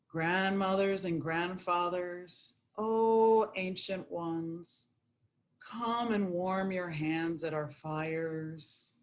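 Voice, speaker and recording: A woman guiding a yoga nidra meditation, speaking in a slow, soothing, prayerful way. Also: on the low side, a little mellow. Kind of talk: guided meditation.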